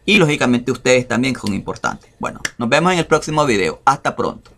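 A man teaching an English lesson in a casual video, speaking slowly and tagging his phrases with questions. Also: mid-range voice, very animated, vocal fry, fairly bright tone, a little hiss or hum. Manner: slow, repeats phrases and adds "verdad".

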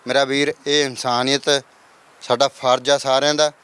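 A man's voice: medium pitch, little pitch movement, normal speed, fairly bright tone, smooth. A man reporting on location from a flooded village, earnestly appealing to viewers for help. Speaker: field reporter.

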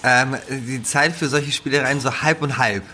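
A man from northern Germany, a head chef, talking casually in an interview, with a relaxed, rambling manner and many fillers and restarts. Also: mid-range voice, normal speed, slight background noise.

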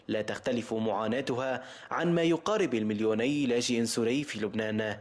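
A man narrating a scripted television news report in formal delivery. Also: mid-range voice.

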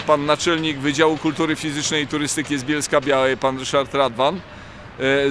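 A man in his fifties talks to a camera outdoors in an open football stadium. His voice sits a little high, and his delivery is measured with some hesitation. Clear ambient noise runs behind him. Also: a bit bright. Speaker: football coach. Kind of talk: speaking to camera.

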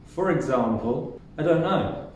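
A man's voice: fairly high pitch, animated, unhurried, slight background noise. A man with a New Zealand accent teaching English phrases, acting out each example with exaggerated intonation. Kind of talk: scripted language lesson. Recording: echoey room, mic at a distance.

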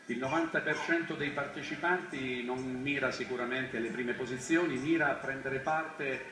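A man's voice: mid-range voice, fairly even intonation, normal speed. Echoey, formal middle-aged man. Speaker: sports association president, interview guest. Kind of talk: formal spoken interview answer. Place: outdoor table at a sports field. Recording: echoey, filmed off television.

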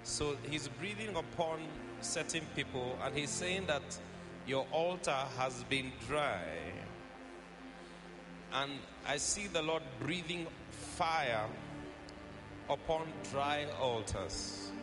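A man's voice: on the high side, slow. Man preaching into a pulpit microphone. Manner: urgent, exhorting congregation. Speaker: pastor. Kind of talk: sermon with worship leading. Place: church. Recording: loud music under the voice. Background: loud worship music.

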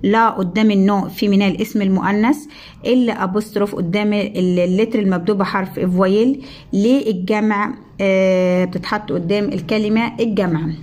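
A woman's voice: mid-range voice, fairly even intonation, a little mellow. Egyptian woman teaching French basics. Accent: Egyptian Arabic. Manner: explains slowly, drawing out French words and repeating them. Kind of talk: recorded review lesson.

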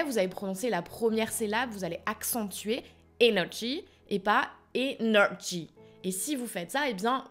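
A French woman who founded a language school, teaching in an energetic, upbeat way and speaking directly to her viewers. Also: mid-range voice. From France. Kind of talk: teaching video, direct to camera.

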